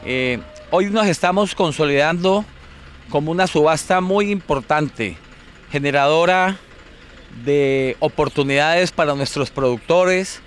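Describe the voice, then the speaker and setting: Higher-voiced Colombian man interviewed over outdoor noise. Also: a bit bright. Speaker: cattle association executive president. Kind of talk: formal news interview answer. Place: outdoors by cattle pens. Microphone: handheld reporter microphone.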